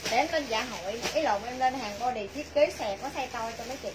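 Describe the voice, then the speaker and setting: A middle-aged woman with a southern Vietnamese accent giving a chatty, repetitive live sales pitch to viewers from a small clothing shop. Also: fairly quick. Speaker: clothing shop livestream seller. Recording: noisy shop livestream, clear background noise.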